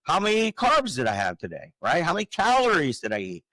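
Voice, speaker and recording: A man in his forties, a real estate coach talking on a podcast, explaining his framework with energetic rhetorical questions. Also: fairly high pitch, a little fast, no room sound, rough recording. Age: 40s. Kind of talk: casual podcast talk.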